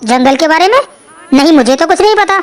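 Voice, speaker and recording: A brash young cartoon villager who scoffs at ghost stories, voiced by a woman. His voice sits very high, and every line comes out blunt and dismissive. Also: animated, fairly quick. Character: bold skeptical young village man. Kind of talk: cartoon voice acting.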